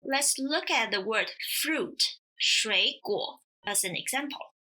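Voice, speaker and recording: A woman teaching pronunciation in a scripted lesson, speaking slowly and carefully as she demonstrates. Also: sits high, lively intonation, pushed and bright. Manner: slow, careful, demonstrative delivery. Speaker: language teacher.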